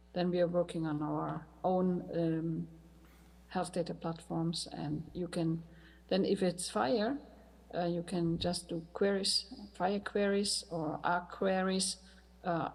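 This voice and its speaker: A woman speaking as a conference panelist, explaining technical matters and pausing on fillers. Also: lowish voice, vocal fry, darkish tone.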